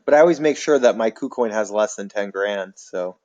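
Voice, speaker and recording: A man's voice: on the low side, fairly quick, a little mellow, dull audio. A man hosting a livestream, chatting casually and reading viewer comments aloud. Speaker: livestream host.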